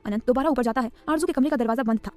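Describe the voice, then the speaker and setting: A woman's voice: a little high, racing, dark tone, faint music behind. A woman narrating an audiobook story.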